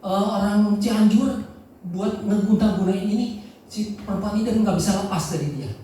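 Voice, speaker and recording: Brash, defiant spirit in a possessed girl, as a preacher puts it on; raised pitch, dark tone, echoey hall from a distance. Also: moderate pace, close to an everyday voice. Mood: boastful. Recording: echoey church hall from far off.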